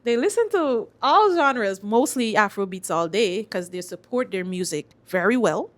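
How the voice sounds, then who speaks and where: A woman's voice: mid-range voice, animated, moderate pace. A woman with a Guyanese accent speaking casually as a singer being interviewed, emphatic and repeating phrases for stress. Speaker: singer-songwriter, interview guest.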